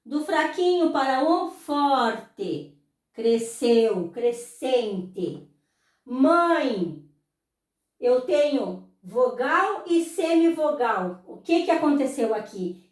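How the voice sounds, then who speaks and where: A woman teacher with a Brazilian Portuguese accent, explaining slowly, drawing words out and answering her own questions. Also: sits high. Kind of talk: slow explanatory lesson. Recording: very echoey room, voice far from mic.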